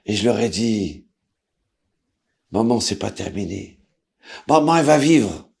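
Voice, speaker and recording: Slow, low-voiced man telling a story. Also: sing-song, creaky. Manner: dramatic, voices characters with big swings in loudness. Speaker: rabbi storyteller. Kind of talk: emotional spoken storytelling.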